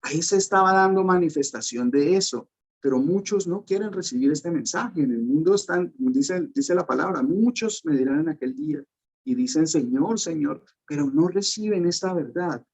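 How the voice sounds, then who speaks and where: A man preaches a sermon as pastor, his voice sitting a little high for a man. He drives his points home with emphasis and keeps tossing rhetorical questions to the congregation. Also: expressive, normal speed, darkish tone, slightly rough.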